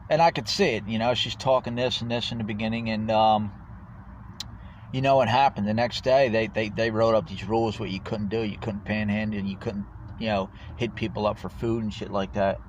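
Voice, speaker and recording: Homeless guy venting outdoors into his phone, lowish voice, cussing and stumbling over his words, muffled lo-fi sound. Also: steady tone, a little fast, slight background noise. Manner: angry, swearing, stammering restarts. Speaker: homeless vlogger. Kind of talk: profane rant to camera. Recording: dull lo-fi phone audio.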